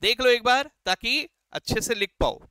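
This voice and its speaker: A man's voice: very high-pitched, moderate pace, pushed and bright, clean tone, dry recording. A man teaching a beginners' accounting lesson, explaining step by step in a friendly, encouraging way and constantly checking "right?" and "okay?". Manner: friendly, encouraging, calls students "beta" and "sir". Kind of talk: classroom lecture mixing Hindi and English.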